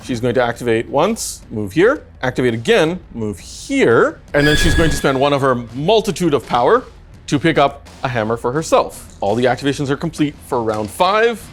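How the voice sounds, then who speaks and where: Lively man playing a tabletop game. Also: medium pitch, moderate pace, faint music behind. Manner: animated, playful, narrates his own moves. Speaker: player. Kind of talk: excited casual game commentary.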